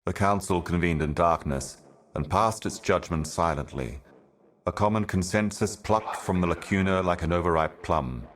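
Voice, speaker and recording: A man acts an ancient cosmic envoy for a video game, his register exceptionally low and seemingly bottomless. The pacing is grave and deliberate, like a prophet chanting cryptic scripture in dark fantasy, though the voice stays close to an everyday one. Each phrase lands with solemn, ominous portent.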